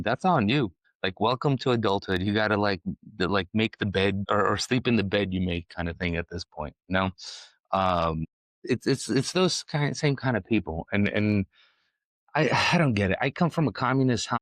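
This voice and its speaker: A man's voice: on the low side, fairly bright tone, no echo, poor audio. A man from Ukraine in his forties hosting his own podcast, talking bluntly and profanely in a rambling monologue full of restarts. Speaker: podcast host. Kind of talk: casual opinionated monologue.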